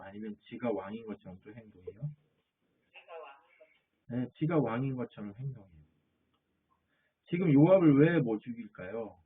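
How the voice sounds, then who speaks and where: A male pastor delivers a sermon in a husky voice, tossing rhetorical questions at his congregation and answering each one himself. The recording is thin and tinny, like a phone line. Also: medium pitch.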